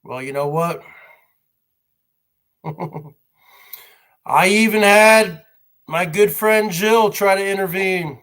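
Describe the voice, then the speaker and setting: Speaking slowly and pausing often, this high-pitched, fairly bright-toned livestream host rambles through a rant and keeps repeating phrases insistently. He's an American in his forties from northern New Jersey.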